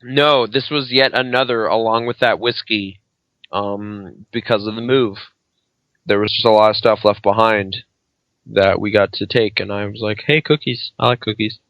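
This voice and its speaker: A man's voice: on the low side, little pitch movement, moderate pace, dry recording. A tipsy man co-hosting a podcast, hesitant and full of ums as he chats casually. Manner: hesitant, lots of ums, mumbling. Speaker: podcast co-host. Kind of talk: casual drunk podcast chat. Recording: dull dry lo-fi mic.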